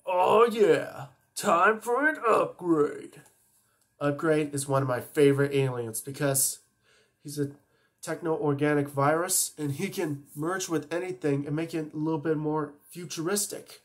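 A man's voice: a little high, fairly even intonation, normal speed. A man chatting casually and enthusiastically as he introduces his voice impressions. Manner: enthusiastic fan talk. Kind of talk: casual chat between impressions.

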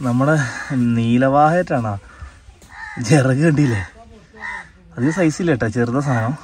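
A man's voice: mid-range voice, unhurried, a little mellow, a little hiss or hum. A man in his thirties with a Kerala accent, chatting casually to viewers outdoors as a fishing vlogger, explaining as he goes and often checking in with the viewer. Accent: Malayalam, Kerala. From Kerala, India. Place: outdoors in paddy fields and a yard. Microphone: phone camera held by the speaker.

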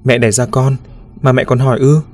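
A man voicing an eerie little ghost boy who speaks in a calm, gentle, knowing way, in a spoken ghost story. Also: mid-range voice, brisk, soft background music, close to an everyday voice.

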